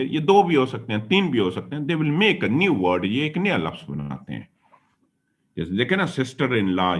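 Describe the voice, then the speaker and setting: A man teaching English grammar in a classroom lecture, explaining patiently and repeating his points as he addresses his students. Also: fairly low pitch. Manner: mixes Hindi and English mid-sentence.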